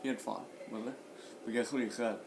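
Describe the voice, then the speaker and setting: A man's voice: lowish voice, steady tone, fast, gravelly, echoey room, noisy background. A man chatting casually on a live stream, rambling through a story and tagging his lines with "right?". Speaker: stream co-host. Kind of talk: casual chat watching sports.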